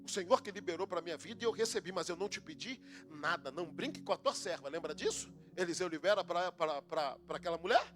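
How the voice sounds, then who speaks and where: A Brazilian man preaching as a pastor in a church, building from low storytelling to shouted preaching, then praying. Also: animated, fast, hardly any pauses, music in the background. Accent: Brazilian Portuguese. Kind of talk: Pentecostal sermon and prayer. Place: church sanctuary.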